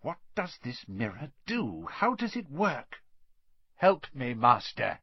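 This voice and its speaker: A man's voice: mid-range voice, big pitch swings, moderate pace, dry recording. A man voicing a scheming male wizard teacher, cold and servile, in an audiobook reading. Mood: frantic. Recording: dull lo-fi dry recording.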